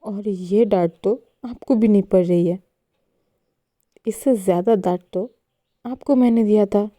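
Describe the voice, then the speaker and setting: A woman's voice: mid-range voice, measured pace, warm tone, no echo, clean studio sound, natural voice. A woman voicing a tender young woman in love. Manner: tender, pet names. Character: affectionate young woman, teasing partner.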